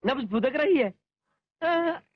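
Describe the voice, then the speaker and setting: A sleazy, cowardly lecher in a dubbed action film, talks in a very high, slow, drawn-out voice. He blusters at first and then whines and begs for mercy. The sound is dull and lo-fi, with film music behind him. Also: lively intonation, no echo. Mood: panicked pleading. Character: lecherous cowardly middle-aged man, bullying then begging. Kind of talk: Hindi film dub.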